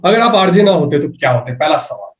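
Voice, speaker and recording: A man interviewing a guest with rapid-fire questions, polite and encouraging. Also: a little high, sing-song. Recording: echoey, distant, dull sound.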